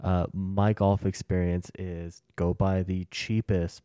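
A young man co-hosting a podcast in a relaxed, rambling chat with many restarts. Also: low-pitched, slow pace, smooth, no echo, clean studio sound. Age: young adult. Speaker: podcast co-host. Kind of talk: casual chat.

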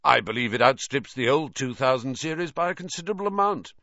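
A man's voice: mid-range voice, lively intonation, fast, bright, forceful tone, no room sound, dull audio, voice pushed up. A man voicing a cocky, nasty older schoolboy sports captain in an audiobook, boasting carelessly. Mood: boastful, nasty.

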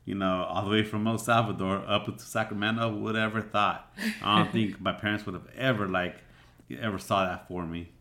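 A man hosting a relaxed podcast, speaking with a somewhat low voice. He talks in a loose, reflective way and keeps filling gaps with "you know". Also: fairly quick. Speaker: podcast host. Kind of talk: casual podcast chat.

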